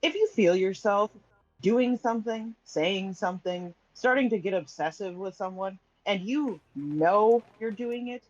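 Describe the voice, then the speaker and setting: A woman's voice: medium pitch, a little slow, no room sound, lo-fi sound. A woman on an online voice call, talking bluntly and coldly. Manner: blunt, cold.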